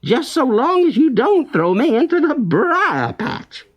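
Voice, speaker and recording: A storyteller voicing a cocky, boastful male rabbit trickster in a very high, drawling, mock-pleading voice. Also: big pitch swings, a little slow, highs cut off, full character voice.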